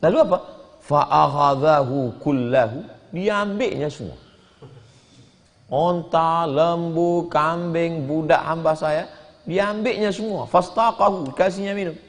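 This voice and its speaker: A male preacher giving a sermon, switching between chanted Arabic phrases and lively explanation. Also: fairly high pitch, unhurried. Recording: long hall reverb.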